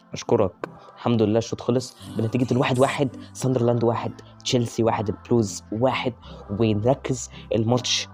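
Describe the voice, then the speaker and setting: Fast-talking Egyptian gamer. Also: male voice, medium pitch. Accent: Egyptian Arabic. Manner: excitable, chatty, cheers on players by nickname. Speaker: gaming YouTuber. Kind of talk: live gameplay commentary.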